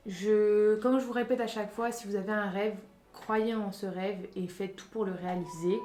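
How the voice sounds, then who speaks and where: A woman's voice: mid-range voice, fairly even intonation, moderate pace, dark tone. A young woman from France chatting casually in a vlog, giving emphatic advice straight to her viewers. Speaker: vlogger. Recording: roomy echo with faint music.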